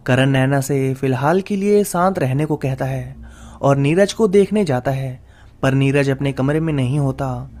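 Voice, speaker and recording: Mellow male horror storyteller. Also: a little high. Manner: suspenseful, dramatic storytelling. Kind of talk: dramatic horror story narration.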